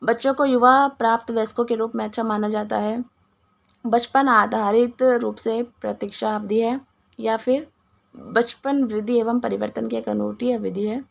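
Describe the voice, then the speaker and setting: A woman with a hoarse voice and a cough, explaining answers to exam questions with restarts and many English words. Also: fairly high pitch, fairly even intonation, moderate pace. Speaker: teacher going through exam questions. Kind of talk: Hindi exam-prep lesson.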